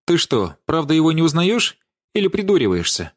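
A man's voice: on the high side, sing-song, fairly quick, dry recording, studio quality, voice pushed up. A man reading an audiobook and voicing an indignant young woman who cuts her lover down with scorn. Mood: mocking. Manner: scornful, accusing, cutting.

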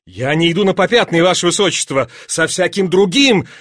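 A man's voice: high-pitched, expressive, a bit bright, dry recording, clean studio sound, voice pushed up. A man reading an audiobook and voicing a polite, composed fencing master who answers with deference. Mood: measured. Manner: deferential, measured.

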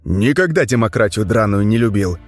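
A man voicing a gruff, sardonic male vampire leader who curses. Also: on the low side, expressive, brisk, soft background music.

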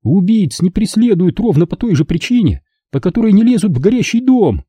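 A man's voice: sits high, big pitch swings, brisk, mellow, husky, no room sound, clean studio sound, pitched above the performer's own voice, full character voice. A man voicing an angry, frightened mother who scolds and pleads with her teenage son in an audiobook. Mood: angry scolding. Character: frightened angry mother, middle-aged woman. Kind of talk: audiobook reading.

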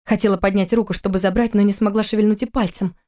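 A woman narrating an audiobook in an even storytelling manner. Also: mid-range voice, quick pace. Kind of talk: scripted narration.

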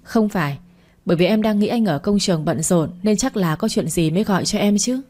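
A woman's voice: medium pitch, a little fast, dark tone, natural voice. Woman reading as a cheerful young florist.

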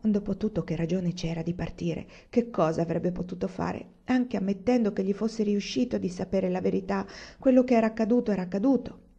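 A woman narrates a novel in a calm, even manner, and her voice has a gravelly, husky grain with a dark, mellow tone. The recording sounds dull and lo-fi. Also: medium pitch, fairly quick. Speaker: reader. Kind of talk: audiobook narration.

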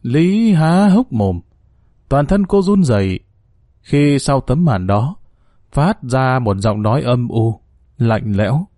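Man, horror story narrator, dramatic and suspenseful, very expressive pitch. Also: slow, dry recording, clean studio sound.

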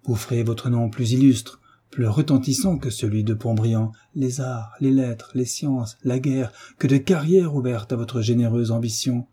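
A man's voice: mid-range voice, unhurried, hardly any pauses, dark tone, breathy edge. A man reading the part of David, a fervent, idealistic male tutor, speaking in an impassioned, oratorical way in an audiobook. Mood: rousing.

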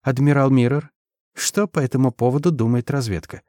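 A man's voice: mid-range voice, fairly even intonation, fairly quick, darkish tone, no echo, clean studio sound, pitched above the performer's own voice, lightly acted. A man voicing a proud, composed woman president who speaks curtly and with biting irony. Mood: cold, biting. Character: proud, sharp-tongued female president, middle-aged.

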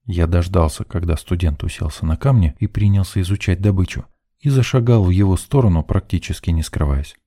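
A man's voice: deep voice, brisk, dark tone. A man reading a first-person story aloud as scripted audiobook narration, in a dry, ironic manner.

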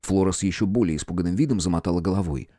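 A man narrating an audiobook with expressive, even storytelling. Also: low voice, racing, no echo, clean studio sound. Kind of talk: scripted narration.

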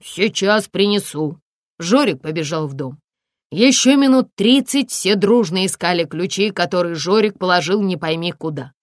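A woman narrating an audiobook in a measured, expressive reading. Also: lowish voice, no echo, clean studio sound. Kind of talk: scripted narration.

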